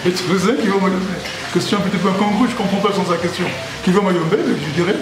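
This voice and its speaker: A man's voice: high voice, steady tone, fast. A man in his sixties from Congo, a restaurant owner, answering interview questions in a jovial, rambling way that repeats itself, in his restaurant. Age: 60s. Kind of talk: casual interview. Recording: echoey room with loud background noise.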